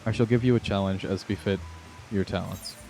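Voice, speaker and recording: A man's voice: low-pitched, steady tone, fairly quick, creaky, over music, poor audio. A man voicing a haughty, self-important employer from a fantasy game, reading out formal lines in a pompous manner.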